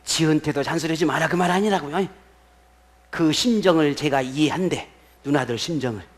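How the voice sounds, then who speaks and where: A pastor preaching a sermon in a church. He is animated, swings between loud bursts and soft asides, and keeps asking the congregation questions that he then answers himself. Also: on the high side, fairly quick.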